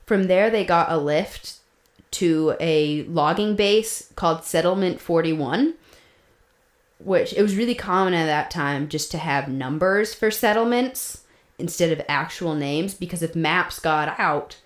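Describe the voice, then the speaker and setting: A woman's voice: on the low side, measured pace. A woman co-hosting a podcast, telling the story in a casual, chatty way with fillers and laughs. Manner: chatty, laughs often, many fillers and restarts. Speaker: podcast co-host. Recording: roomy echo.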